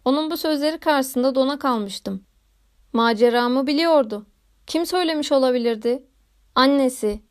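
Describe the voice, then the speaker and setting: A woman reading a classic novel aloud in a measured, literary narration. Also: high voice, clean tone. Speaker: audiobook narrator. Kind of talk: scripted narration.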